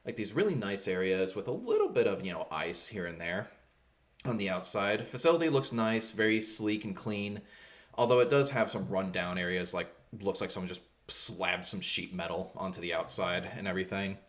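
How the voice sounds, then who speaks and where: A man running a tabletop game as game master, narrating in a rambling, relaxed way full of fillers. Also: low-pitched, normal speed.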